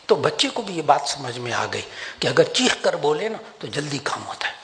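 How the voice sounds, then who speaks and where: An older man giving a sermon to an audience, animated and emphatic, slowing down for prayers. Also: gravelly. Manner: animated, rises in pitch for emphasis, slows for Quranic prayers. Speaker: religious scholar giving a talk. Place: large hall with an audience. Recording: long hall reverb, faint background noise.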